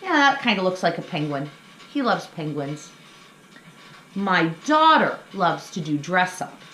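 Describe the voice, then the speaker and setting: Pushed and bright, her lowish voice is very animated yet kept to a measured pace as she runs a craft lesson for young children. This middle-aged story time host explains things simply and encourages the kids. The audio comes from an echoey room with faint background noise.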